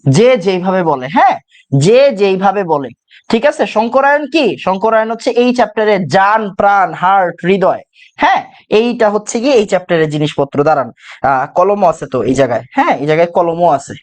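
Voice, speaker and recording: A man's voice: high-pitched, expressive, a little fast. A male chemistry teacher, giving an exam-prep lecture. He repeats key phrases over and over, asking questions and answering them himself. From Bangladesh.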